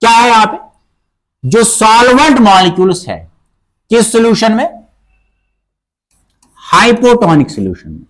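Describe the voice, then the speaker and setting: A man teaching a class, his voice fairly high and swinging widely in pitch. He keeps asking questions and answering them himself, hammering key words again and again. When he reaches a definition, he slows down and spells it out word by word. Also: very animated, a bit bright, low-quality recording. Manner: repeats terms and asks himself questions, then answers. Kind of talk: board lesson explaining biology.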